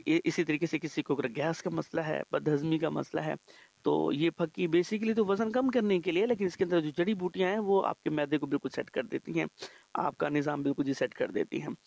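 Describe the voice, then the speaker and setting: A man hosting a radio show in a relaxed, chatty way, pitching products and often tacking on a reassuring 'all right, sir'. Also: vocal fry, dry recording. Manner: chatty, keeps adding 'theek hai janaab'. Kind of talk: casual radio talk with product promotion.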